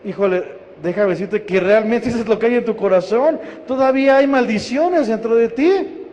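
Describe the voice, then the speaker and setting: A man's voice: very high voice, normal speed, darkish tone, big-room sound, dull audio. A man with a Mexican Spanish accent preaching a sermon as pastor, putting questions to the congregation and answering them himself. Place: church hall.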